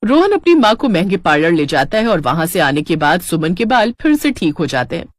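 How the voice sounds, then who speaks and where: Brief: woman storyteller, lively pitch, dry close sound. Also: fairly quick, no room sound. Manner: expressive narration. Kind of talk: scripted story narration.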